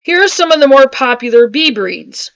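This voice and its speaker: A middle-aged homesteading vlogger reads an article aloud in her small kitchen with a wood-panel ceiling, making casual asides and occasionally tripping over hard words and repeating them. Her high, smooth, fairly bright voice has lively intonation at a moderate pace. The webcam recording is dry and lo-fi.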